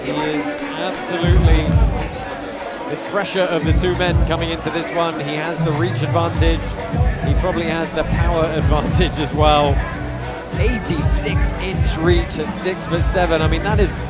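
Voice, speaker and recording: A man's voice: on the high side, steady tone, moderate pace. A man giving live fight commentary as the lead commentator. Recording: loud music and crowd noise.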